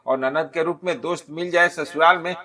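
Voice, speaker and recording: A man's voice: fairly high pitch, steady tone, brisk, voice pushed up. A man voicing a caring young married woman who earnestly advises her friend like an elder sister, in a storybook narration. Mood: teasing. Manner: earnest, persuading, gently scolding.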